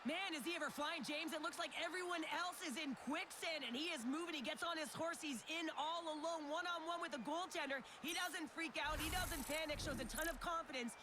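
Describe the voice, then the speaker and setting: A man's voice: very high voice, fairly quick, few pauses. A man playing an emphatic colour commentator in a hockey video game, explaining plays in piled-up short clauses. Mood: impressed, emphatic. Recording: loud arena noise behind.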